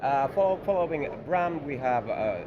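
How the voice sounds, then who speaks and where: A man hosting a live tournament stream, halting with many filler sounds. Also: a little high, animated, muffled recording, a crowd in the background. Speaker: tournament host. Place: convention room.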